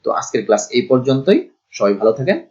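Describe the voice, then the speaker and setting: A man giving an online pronunciation lesson, speaking slowly and deliberately and repeating example words one by one. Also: mid-range voice, sing-song, a little mellow. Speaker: Bengali grammar tutor. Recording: dull lo-fi recording.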